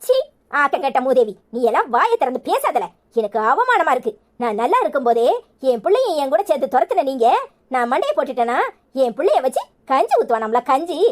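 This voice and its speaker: A woman voicing a fierce scolding Tirunelveli village mother. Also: a little fast. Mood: scornful. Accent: Tirunelveli Tamil. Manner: sharp-tongued, cursing, lively pitch. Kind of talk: cartoon voice acting.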